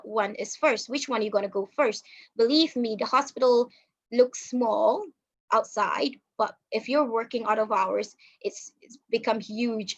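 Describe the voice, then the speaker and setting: A young woman doctor giving an informal webinar talk, halting with many fillers and restarts, recorded on a computer mic during a video call. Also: on the high side. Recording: slightly dull lo-fi webinar audio.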